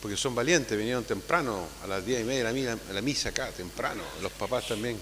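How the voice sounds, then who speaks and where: A man, a priest giving a conversational homily at Mass, often tagging his sentences with a questioning "ah?" and calling loudly when he gathers the children. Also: medium pitch, fast. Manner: conversational, tags phrases with "¿ah?". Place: church. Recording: long church reverb with faint hum.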